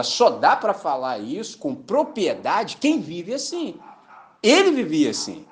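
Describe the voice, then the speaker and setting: Man, preacher, colloquial sermon, animated pitch, jokey and chatty. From Brazil. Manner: colloquial, jokey, keeps asking "entendeu?". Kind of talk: informal sermon. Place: mission gathering.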